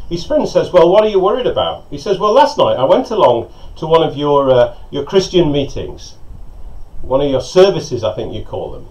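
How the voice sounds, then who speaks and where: A middle-aged man, a pastor, preaching a sermon and telling stories in an animated way, recorded on a lapel mic outside on a porch. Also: on the high side, normal speed. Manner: storytelling, animated, gesturing with hands. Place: covered porch outdoors by a lake. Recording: slightly dull sound with faint outdoor ambience.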